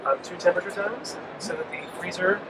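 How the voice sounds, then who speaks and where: Here a high-voiced man in his forties speaks briskly while explaining his company's products, dropping frequent ums. It's a trade show interview in a packed indoor convention hall, recorded with the interviewer's handheld mic over floor noise.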